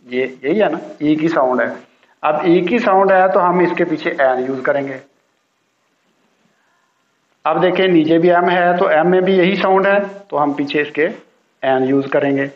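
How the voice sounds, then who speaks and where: A man teaching a grammar lesson, patiently repeating key words slowly. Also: a little high. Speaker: English teacher. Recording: roomy, dull lo-fi sound.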